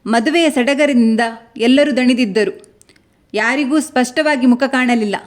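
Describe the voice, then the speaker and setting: A woman with a somewhat high voice tells a dramatic story in steady scripted narration. She stays unhurried and even throughout. She reads the characters' lines in her own natural voice, without putting on separate voices.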